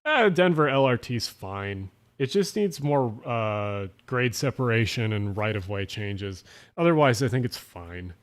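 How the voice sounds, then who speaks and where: A slightly tipsy man from South Jersey, USA, with the accent to match, hosts a late-night livestream, rambling casually and answering chat with lots of fillers and restarts. His medium-pitched voice is animated, and he talks a little slowly.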